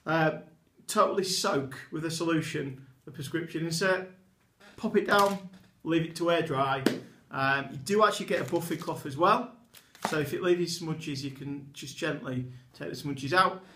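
A chatty, enthusiastic eyewear retailer from England, in his thirties, walks through products to camera from a desk in a small indoor office with a poster behind it. His voice sits a little high for a man, pushed and bright at normal speed, captured by a camera in front at desk distance. The small room adds a clear echo and there is slight background noise.

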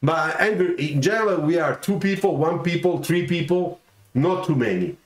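With a highish voice at a moderate pace, a middle-aged man livestreams career advice from his home studio. His manner is lively and full of gestures, and "okay?" comes up again and again. The recording has a roomy echo.

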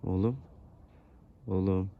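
A man's voice: deep voice, steady tone, slow pace, vocal fry, narrow, tinny audio. A man keeping geese, talking to them affectionately like children while filming them outside. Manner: coaxing, talks to his geese like children. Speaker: goose keeper filming his geese. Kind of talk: casual vlog talk to animals. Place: outdoors among geese.

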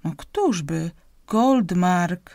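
A woman's voice: on the low side, expressive, very slow, darkish tone, no room sound, studio quality, exaggerated voice. A woman reading an audiobook, voicing a grasping, domineering wife who scolds and interrogates her husband. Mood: scolding. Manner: scolding, interrogating, raised and insistent. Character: grasping sharp-tongued middle-aged wife, domineering.

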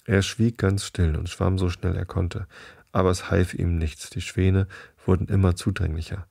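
A man hosting a podcast, reading a bedtime story aloud slowly and evenly, with small slips. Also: low-pitched, level tone, gravelly, a little mellow, husky, dry recording, studio quality.

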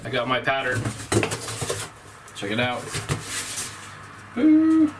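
A man in his forties talks casually through a boat restoration project in a how-to vlog, easygoing and self-deprecating, with plenty of ums. He speaks close to the camera inside a small sailboat cabin; his mid-range voice swoops wildly in pitch and he takes it slowly, with very noisy audio.

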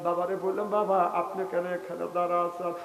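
Male preacher, high and ringing tone, chanting sermon story, echoey loudspeaker sound. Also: monotone, fast talker, creaky. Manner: chanting, surging to shouts, tearful storyteller. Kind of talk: Islamic waz sermon storytelling. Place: open-air religious gathering. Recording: echoey PA sound with faint music.

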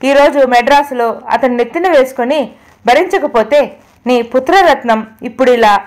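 A woman's voice: sits high, moderate pace, darkish tone, natural voice. A woman reading the part of a worried older man pleading on the phone for his foster son. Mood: angry. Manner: pleading, emphatic.

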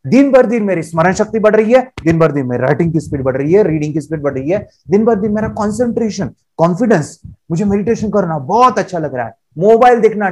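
Energetic male trainer, fairly high voice, drives each point home by repeating it. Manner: emphatic, repeats phrases and affirmations, pleads with listeners. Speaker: motivational trainer. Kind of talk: energetic workshop lecture. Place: seminar room with a seated audience.

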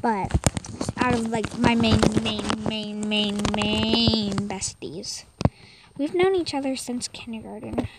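Chatty young girl, high voice, noisy. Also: slow pace. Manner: chatty, rambling, giggly. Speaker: guest commentator. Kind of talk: casual gameplay commentary.

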